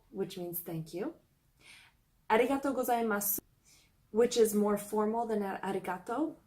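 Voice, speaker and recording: A woman's voice: a little high, darkish tone. A young woman from Canada narrating a scripted travel vlog, reading out a countdown list in an upbeat, explanatory way. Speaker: travel vlogger.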